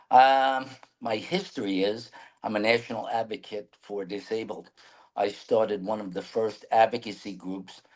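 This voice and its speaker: A man's voice: on the low side, darkish tone, rough recording. A man, answering interview questions earnestly in a rambling way with restarts. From New York City. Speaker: mayoral candidate guest.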